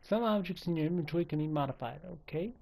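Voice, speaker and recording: A man's voice: fairly high pitch, fast, darkish tone. A man hosting a let's play, chatting casually as he reads out menus and counts items aloud. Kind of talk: casual gameplay commentary.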